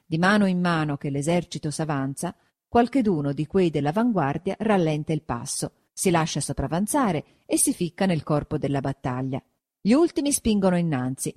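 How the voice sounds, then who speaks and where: A woman narrating a classic novel aloud with dramatic expression. Her voice sits on the lower side and swings widely in pitch. Her delivery is steady and storytelling in tone. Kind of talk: audiobook reading of a classic novel.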